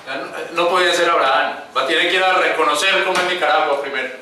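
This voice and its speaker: Speaking quickly in a bright, forceful, steady tone, a man with a slightly high voice delivers a sermon, addressing the congregation as brothers and acting out the quoted scripture voices. The church hall echoes, the mic sits far away, and there's slight background noise.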